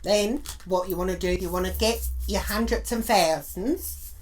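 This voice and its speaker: A woman's voice: mid-range voice, a little slow. A woman with an Australian accent telling a crude story and giving a cooking tutorial, swearing bluntly all the way through. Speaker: vlogger.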